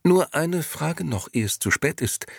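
A man's voice: on the high side, lively intonation, creaky, no room sound, voice pushed up, full character voice. A male reader voicing an indignant, insistent lady reporter in a dry recording. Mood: pushy. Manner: affronted, insistent, fast-talking.

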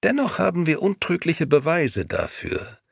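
A man voicing the stern presiding judge of a court of grey gentlemen, cold and sharp. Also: on the high side, wildly swooping pitch, normal speed, creaky, breathy edge, no room sound, studio quality, pitched above the performer's own voice, full character voice.

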